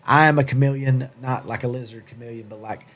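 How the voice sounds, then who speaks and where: Talking fairly quickly in a steady, medium-pitched voice with a fairly bright tone, this Southern-accented livestream host from Tennessee, who runs a hat company, rambles and jokes at his own expense in casual live chat with viewers.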